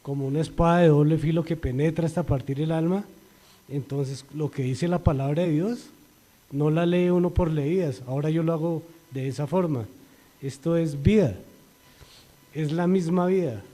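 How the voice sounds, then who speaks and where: In a long, echoing hall, a middle-aged man from Colombia shares a sincere religious testimony in his Colombian accent. His voice is a little high and moves at a normal speed, climbing in pitch and volume whenever he quotes scripture.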